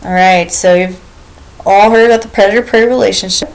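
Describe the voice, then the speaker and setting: Her class hears a woman explain biology step by step, pausing to question the students and bring back earlier lessons. Her mid-range voice is fairly even in intonation and a little fast, and the recording quality is low.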